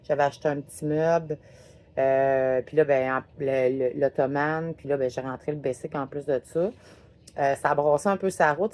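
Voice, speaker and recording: A woman's voice: low voice, darkish tone. A woman with a Québécois French accent giving a chatty, rambling recap of her day of RV travel. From Quebec, Canada. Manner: rambling and chatty, with many filler words. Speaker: RV travel vlogger. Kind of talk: casual travel vlog recap. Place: parked RV in a parking lot.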